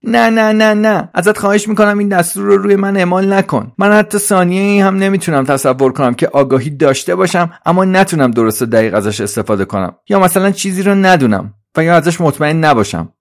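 A man doing a high fretful robot cart. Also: lively intonation, hardly any pauses. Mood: pleading. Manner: high, pleading, fussy. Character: anxious chattering shopping-cart robot.

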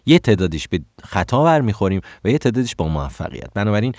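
Very deep-voiced man ranting about work. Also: sing-song, a little mellow, no room sound. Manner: heated, exclaims and rises in pitch when indignant; many stammers and self-corrections. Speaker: speaker giving career advice. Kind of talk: casual advice monologue.

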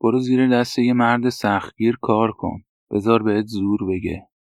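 Brief: a man as a matter-of-fact male doctor, direct and advising, deep fry in the voice. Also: fairly even intonation, a little mellow, dry recording, close to an everyday voice. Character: frank, calm male doctor giving blunt advice. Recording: dull, dry lo-fi recording.

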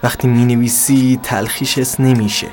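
A man's voice: medium pitch, fairly even intonation, darkish tone, faint music behind. Brooding man in a bitter monologue. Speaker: narrator of an audio drama. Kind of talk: introspective dramatic monologue.

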